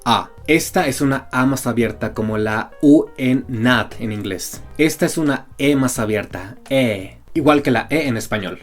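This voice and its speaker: Man explaining Portuguese sounds. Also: medium pitch. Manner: slowly sounds out letters and example words. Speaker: language teacher on a video channel. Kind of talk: scripted educational narration.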